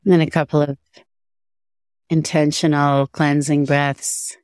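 A woman with a scratchy voice guiding a slow body-scan meditation in a calm, spacious manner. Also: low-pitched, no echo, studio quality. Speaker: meditation guide.

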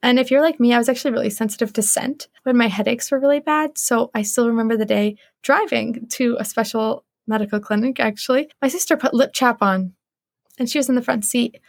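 A young woman hosts a casual solo podcast in a high, brisk voice, recorded dry at studio quality. She's earnest and encouraging, and she says "like" a lot.

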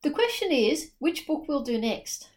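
A woman's voice: high voice, very animated, a little slow, darkish tone. A woman co-hosting a book podcast, talking in a chatty, opinionated way with emphatic repeats. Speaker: podcast co-host. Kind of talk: casual book discussion.

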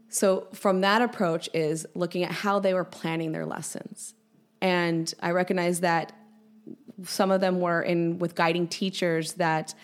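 A woman educator, a guest on a podcast interview, explaining with energetic, animated storytelling. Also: fairly low pitch.

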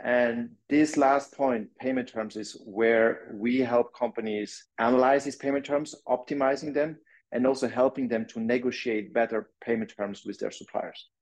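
A Swiss company founder with a French-Swiss accent appears as a podcast guest, explaining his business step by step. His medium-pitched voice keeps a fairly even intonation at a moderate pace, and his phrasing is non-native.

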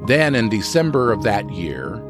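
Male true crime narrator, lively low-leaning pitch. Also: measured pace, over music.

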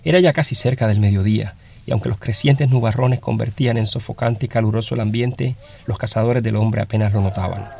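A man reading a story aloud as narrator, in a steady, dramatic storytelling manner. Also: lowish voice, a little fast, vocal fry, few pauses.

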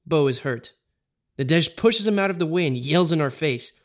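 A man hosting a podcast, telling a scripted comic story in a wry, deadpan way with rhyming intros. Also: fairly high pitch, moderate pace.

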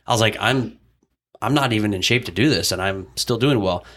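A man with a low-set, bright and forceful voice chats as a guest, a wrestling coach recounting his past. His talk rambles, packed with "like" and quick restarts. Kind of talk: casual storytelling in an interview.

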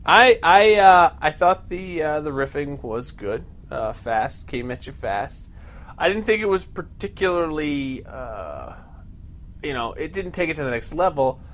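Jokey man with a slightly high voice. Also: big pitch swings, unhurried, a bit bright. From New Jersey. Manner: jokey, laughs easily, hesitant fillers. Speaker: podcast co-host reviewing a movie episode. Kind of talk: casual chat.

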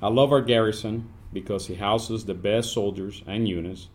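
An animated man, talking as a guest on a podcast. His voice sits fairly low, and his pace swings between quick bursts and slow stretches. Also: slight background noise. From Puerto Rico. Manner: upbeat, animated, speeds up and slows down. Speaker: Army command sergeant major, guest. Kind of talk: podcast interview.

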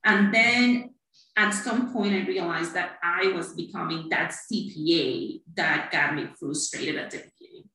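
A middle-aged Cuban woman, an accountant, chats about her career in a conversational interview, using many fillers. Her voice is lowish and sharp, at a measured pace. The recording is echoey, and she sits far from the mic.

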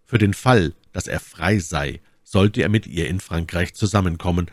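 A man narrating a classic novel as an audiobook, with an expressive, theatrical reading. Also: sits low, normal speed, no room sound, clean studio sound. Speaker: audiobook reader.

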